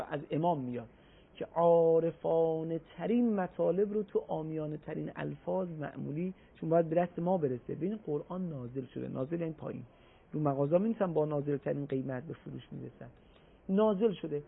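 A man giving a religious talk on a broadcast program, explaining patiently and reciting Arabic phrases slowly. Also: fairly high pitch, gravelly, slightly rough. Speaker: religious speaker. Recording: tinny phone-like broadcast audio.

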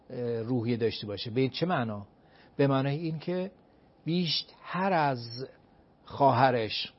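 A man's voice: mid-range voice, husky. Emphatic man giving advice, lo-fi. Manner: emphatic, asks and answers his own rhetorical questions; counts off points one by one. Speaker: advice-giving expert guest. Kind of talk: explanatory advice talk. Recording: dull lo-fi recording.

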